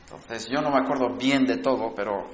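Brisk and mid-range in pitch, a man's sermon explains where words come from in a teacherly way, with many restarts, before climbing into passionate exhortation. Slight background noise sits under a roomy, dull, lo-fi recording.

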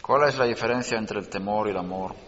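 A man's voice: on the low side, fast talker, fairly bright tone, slight background noise. A man teaching a religious class, explaining and putting rhetorical questions to his students. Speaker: Torah teacher. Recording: dull lo-fi recording in an echoey hall.

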